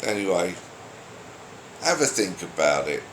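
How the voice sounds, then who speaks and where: A man's voice: low voice, big pitch swings, a little slow, fairly bright tone. A grumpy man giving a blunt, sweary, exasperated opinion rant, speaking off the cuff. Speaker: online commentator giving opinions. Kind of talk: opinionated solo rant, unscripted. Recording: roomy echo, faint background noise.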